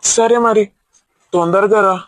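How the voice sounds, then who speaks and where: A man's voice: high voice, steady tone, unhurried, no room sound, rough recording. A man playing a playful husband who teases his wife and argues in mock protest. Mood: teasing. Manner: teasing, mock-argumentative. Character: teasing, playful middle-aged husband.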